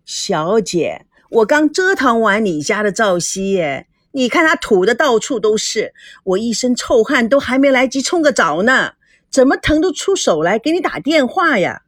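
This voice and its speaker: A woman's voice: a little high, very animated, normal speed, dry recording, studio quality, voice pushed up. A woman doing a sly young woman acting wounded. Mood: aggrieved. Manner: aggrieved, wheedling.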